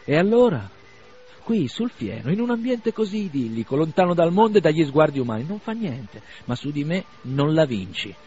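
A man's voice: mid-range voice, expressive, fairly quick, breathy edge, faint music behind. A man reading the part of a blunt, scornful young man who mocks and provokes his friend, on a slightly dull radio recording. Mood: mocking. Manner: sarcastic, forceful.

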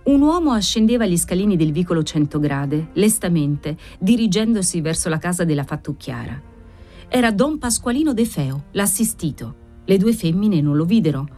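A woman reading a literary novel aloud in a measured, expressive storytelling manner. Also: on the low side, soft background music. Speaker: audiobook reader. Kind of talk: literary narration.

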